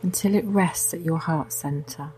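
Female meditation guide, low, slow, whispery delivery; soft faint hiss on the track.

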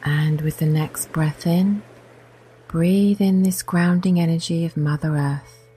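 A woman guiding a meditation in a soft voice, often slipping into a whisper. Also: low-pitched, steady tone, measured pace, slightly rough. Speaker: meditation guide. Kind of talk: guided meditation.

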